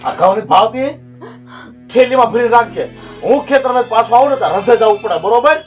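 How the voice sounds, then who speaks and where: A man's voice: extremely high pitch, lively intonation, brisk, soft background music. An actor playing a stern rural father who gives curt, scolding orders. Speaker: father in a family drama. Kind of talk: village family drama acting.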